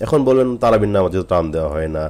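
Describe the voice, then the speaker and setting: A man from Jessore with a Jessore Bengali accent, teaching Quran reading and drilling the letters slowly and patiently. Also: low-pitched, expressive, a little mellow. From Jessore, Bangladesh. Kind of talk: recitation lesson.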